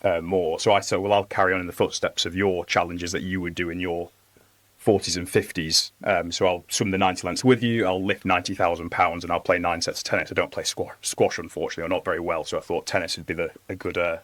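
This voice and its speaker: A young man speaking earnestly as a podcast guest, halting with fillers. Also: sits low, little pitch movement, fairly bright tone, dry recording. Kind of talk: casual interview talk.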